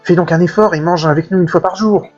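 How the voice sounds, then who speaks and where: A man's voice: high-pitched, fairly even intonation, quick pace, darkish tone, voice pushed up. A man voicing a stern, blunt young male mercenary leader who asks short, curt questions. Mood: exasperated. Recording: dull lo-fi with faint game music.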